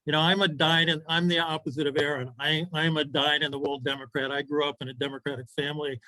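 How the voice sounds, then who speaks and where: A man's voice: on the high side, little pitch movement, fast, pushed and bright, dry recording, low-quality recording. A man from the American Midwest giving a casual campaign speech on a video call. He talks in a conversational way, with frequent restarts and asides. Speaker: candidate for party office.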